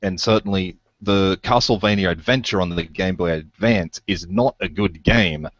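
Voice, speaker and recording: Low-voiced man, dry lo-fi sound. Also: normal speed, fairly bright tone, dry recording. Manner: enthusiastic, rambling recommendations. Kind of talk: casual podcast chat.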